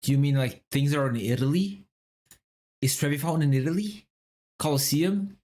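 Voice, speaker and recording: A man's voice: on the high side, moderate pace, a little mellow. A young man streaming, casually thinking aloud through a word puzzle, muttering guesses, swearing now and then and asking his chat whether he's right.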